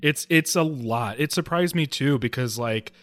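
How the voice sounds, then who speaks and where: Mid-pitched man in casual chat. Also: normal speed, a bit bright. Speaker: podcast co-host. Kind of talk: casual episode recap chat.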